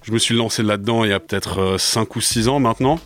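A French rapper in his twenties, a native English speaker, answers a studio radio interview with lots of hesitations and fillers. His voice is lowish and a bit bright, and he talks quickly.

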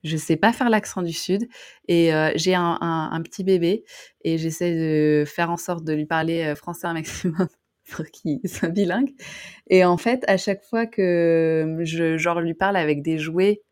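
A woman from northern France chatting casually as a podcast co-host. Her voice sits a little low, and she hesitates often, filling pauses and restarting her sentences as she thinks aloud. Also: fairly even intonation, darkish tone, smooth. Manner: hesitant, many fillers and restarts. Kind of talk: casual chat.

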